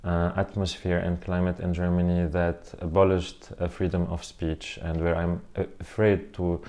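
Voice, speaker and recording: Deep, flat-voiced man from southern Lebanon. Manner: earnest, measured, with pauses and fillers. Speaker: interviewee. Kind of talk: personal testimony interview.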